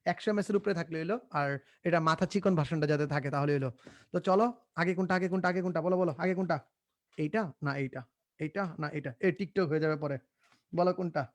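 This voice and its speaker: A man's voice: a little high, a little fast, dry recording. A young man from Bangladesh, teaching a live online class in a casual, joking way, often repeating himself and coaxing students to answer.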